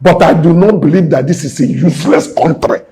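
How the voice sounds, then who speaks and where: This fairly high, mellow male voice with a breathy edge moves fairly quickly. It belongs to a Nigerian businessman in his sixties who, as an interview guest, drives his points home emphatically and repeats them like a preacher.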